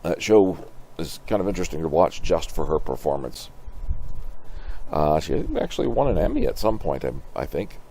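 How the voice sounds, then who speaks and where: Deep, mellow older man, grandpa-like. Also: big pitch swings. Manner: grandpa-like, halting and musing. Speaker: reaction video host. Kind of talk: casual off-the-cuff trailer commentary. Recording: slight background noise.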